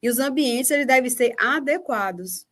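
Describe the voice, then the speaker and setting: A woman's voice: sits high, lively intonation, normal speed, a bit bright. A Brazilian woman, a teacher and mentor, explaining a point in an online workshop and often checking that listeners follow. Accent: Brazilian Portuguese. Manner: explanatory, checks understanding with rhetorical questions. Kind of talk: online workshop talk answering a question. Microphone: video call.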